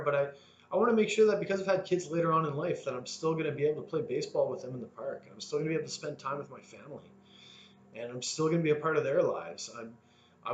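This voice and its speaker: A man's voice: on the high side, roomy sound, a little hiss or hum. A man in his thirties talking earnestly about his motivation in a casual, rambling monologue full of restarts. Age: 30s. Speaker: fitness vlogger.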